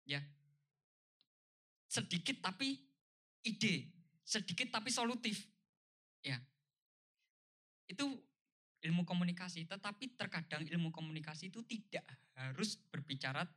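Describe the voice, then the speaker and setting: Man, seminar speaker, bright forceful tone, slightly high voice, emphatic, rhetorical questions to the crowd. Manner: emphatic, repeats points, asks the audience rhetorical questions. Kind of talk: motivational seminar talk to a live audience.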